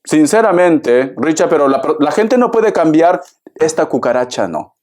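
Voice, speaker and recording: A man with a fairly high voice gives a tarot reading, talking straight to his viewer. His delivery is theatrical and chatty, and he keeps calling the listener darling as he goes. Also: big pitch swings, a little slow, a little mellow. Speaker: tarot reader.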